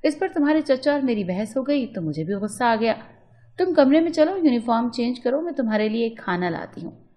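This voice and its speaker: A woman's voice: fairly high pitch, big pitch swings, brisk, dull audio. A woman voicing a stern, secretive middle-aged mother who scolds her daughter curtly in a storybook reading. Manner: curt, scolding.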